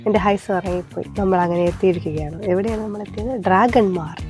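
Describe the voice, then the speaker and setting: A woman's voice: mid-range voice, quick pace, over music. A young woman vlogging casually while shopping, chatting playfully and coaxing her small child along. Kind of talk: casual vlog chat. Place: shopping mall.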